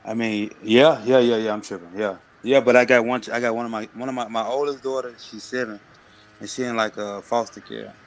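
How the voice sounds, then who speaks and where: A man calling in to a live chat show, talking slowly in a deep, laid-back, mumbling way. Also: steady tone, poor audio. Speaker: caller. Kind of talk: casual chat.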